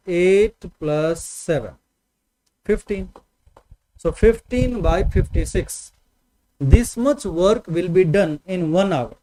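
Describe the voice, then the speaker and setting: Slow, high-pitched Indian maths teacher. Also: male voice, a little mellow, low-quality recording. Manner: patient, repetitive explaining with check-in questions. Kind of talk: online maths lesson.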